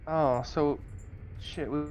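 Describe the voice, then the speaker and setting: A man with a fairly high voice chats casually during a tabletop game. His voice-chat mic carries faint ambient noise. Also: steady tone, takes it slowly, a little mellow. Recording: slightly noisy voice-chat mic.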